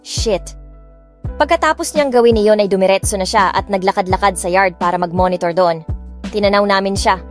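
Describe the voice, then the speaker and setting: An audiobook narrator with a mid-range voice reads at a moderate pace, telling a first-person story as a spoiled, defiant rich young woman. Her reading is expressive, and she slips English lines into her Tagalog. The recording is dry and close-miked, with soft music underneath.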